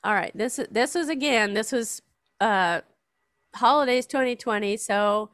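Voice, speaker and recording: A woman's voice: fairly high pitch, a little slow, fairly bright tone, dry recording, studio quality. An older woman, a writer and artist, chatting casually, laughing often and reading her own poem aloud. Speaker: writer and artist, show regular. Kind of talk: casual chat and poetry reading.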